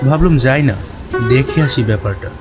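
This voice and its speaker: Over a clear music bed, a man narrates as a kindly, newly qualified young doctor telling his own story, reflective and literary, in first-person scripted narration with dialogue. His mid-range voice is expressive and brisk, close to an everyday voice.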